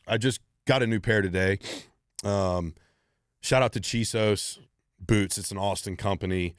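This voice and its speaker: The host, a thirtysomething man with a very low voice, fields questions by himself on his podcast, swearing liberally in a blunt, driven manner. There's no room reverb; the sound is close and dry.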